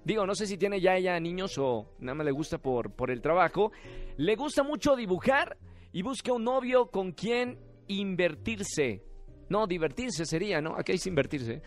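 A man hosting a playful radio dating segment, teasing and excitable. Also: sits high, moderate pace. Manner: teasing, excitable, laughs often. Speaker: radio host. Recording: radio show with music bed.

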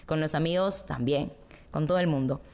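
A woman psychologist calmly explaining ideas in an interview, often checking in with a question tag. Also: low voice, moderate pace.

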